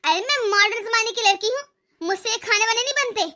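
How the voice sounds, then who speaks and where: A woman's voice: extremely high pitch, brisk, pushed and bright. A woman voicing a spoiled, haughty young daughter-in-law in a cartoon story, sassy and dismissive.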